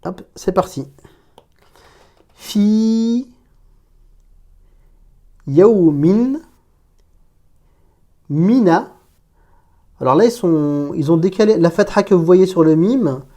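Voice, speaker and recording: A woman's voice: fairly low pitch, normal speed, hardly any pauses, mellow. A woman teaching an Arabic reading lesson, patiently reading word by word and explaining pronunciation.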